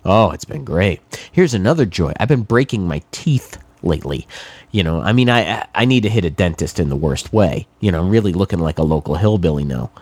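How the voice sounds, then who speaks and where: A man's voice: deep voice, expressive, a little fast, darkish tone, husky, dry recording. A middle-aged man from New England with a cold, talking casually and wryly sarcastic in a rambling monologue with many fillers. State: has a cold, congested.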